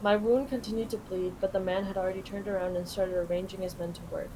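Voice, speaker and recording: Reading game lines aloud and loosely paraphrasing them, a young Canadian woman translates live at a fast clip. Her voice is medium in pitch and fairly even, captured in an obviously noisy home setup.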